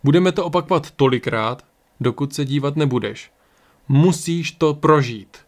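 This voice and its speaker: A man voicing a calm, stern, mysterious card reader who speaks gravely and evenly. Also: medium pitch, close to an everyday voice.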